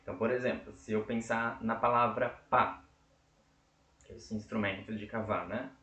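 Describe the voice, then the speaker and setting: A man's voice: on the low side, steady tone, moderate pace, pushed and bright, lo-fi sound. A man teaching a casual lesson, explaining step by step and checking in often with his listeners. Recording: echoey room.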